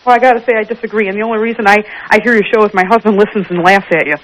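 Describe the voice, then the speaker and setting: A woman's voice: medium pitch, racing, rough recording. A woman calling in to a radio show, arguing her side and defending herself. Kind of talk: debating on a call-in show.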